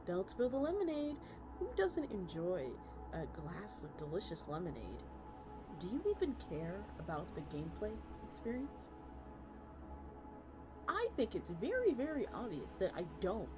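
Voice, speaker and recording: Her medium-pitched voice swings widely in pitch at a moderate pace as this VTuber reads a story aloud, performing its dialogue and chatting with viewers. Music plays underneath.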